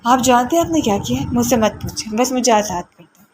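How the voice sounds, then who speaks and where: A woman's voice: fairly high pitch, animated, darkish tone, slight background noise, close to an everyday voice. A woman reading the part of a frightened young wife who pleads and accuses through tears.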